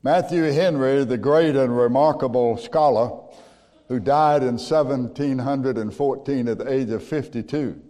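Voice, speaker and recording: A man preaching a sermon, rising to loud acted-out quotes and dropping to low, quiet asides. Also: unhurried. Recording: long hall reverb.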